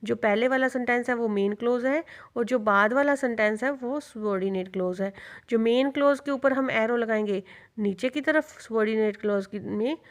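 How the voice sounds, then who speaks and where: Lady teacher, highish voice, walks through a revision lecture step by step. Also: normal speed. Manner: explains step by step, asking and answering her own questions. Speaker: English teacher.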